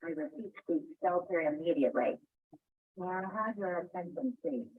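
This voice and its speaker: An automated emergency warning announcement from an outdoor siren loudspeaker, steady and measured as it repeats its instructions. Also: medium pitch, slightly rough. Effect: outdoor siren loudspeaker announcement played in a video. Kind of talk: formal public address alert, repeated. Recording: distant outdoor loudspeaker over a tinny call line.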